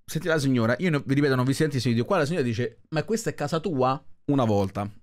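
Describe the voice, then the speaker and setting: A man's voice: mid-range voice, lively intonation, fast talker. Skeptical man ranting. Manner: skeptical, rambling with restarts. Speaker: reaction video host. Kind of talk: casual commentary.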